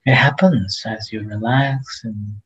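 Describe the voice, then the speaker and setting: A man teaches a guided meditation, his husky, breathy voice gentle and halting, with long pauses between phrases. His pitch sits lowish, and the recording sounds muffled.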